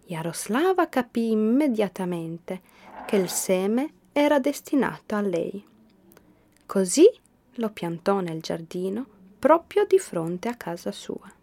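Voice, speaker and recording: A woman narrating a children's story in a slow, expressive reading. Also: mid-range voice.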